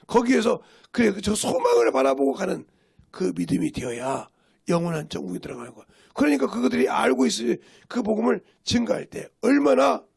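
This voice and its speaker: Male pastor preaching a sermon, high lively delivery, raspy gravel, rhetorical questions. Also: fairly quick.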